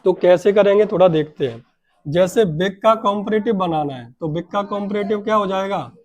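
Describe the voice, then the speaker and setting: A male teacher with a high voice runs a grammar lesson at a moderate pace, his tone a little mellow. He repeatedly poses questions to the class, then answers them himself, drawing out key words for emphasis.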